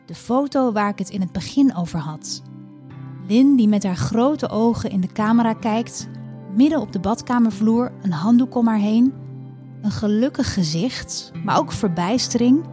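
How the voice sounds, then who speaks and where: Woman narrating calmly over soft music. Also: medium pitch. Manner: calm, measured narration. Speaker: podcast narrator. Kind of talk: scripted narration.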